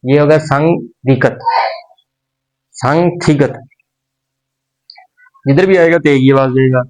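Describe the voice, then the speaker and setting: A man teaching a language lesson, explaining slowly and patiently with pauses and repetitions. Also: fairly high pitch, steady tone, a little mellow, rough recording.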